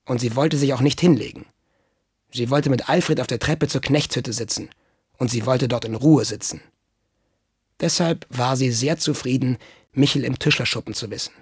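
Husky male narrator, dry close sound, children's audiobook. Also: mid-range voice, moderate pace, dry recording. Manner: lively, expressive storytelling. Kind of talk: audiobook reading of a children's story.

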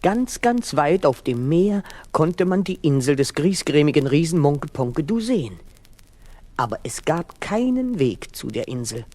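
Guy reading a kids story, slow, really sing-songy, soft music behind. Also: on the high side. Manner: slow, lilting, expressive storytelling. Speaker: narrator. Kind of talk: children's story narration.

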